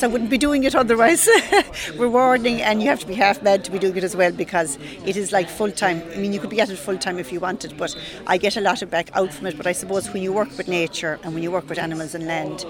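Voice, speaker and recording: Of woman, chatting amid background chatter. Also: on the low side. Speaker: goat farmer and cheesemaker interviewed. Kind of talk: conversational interview.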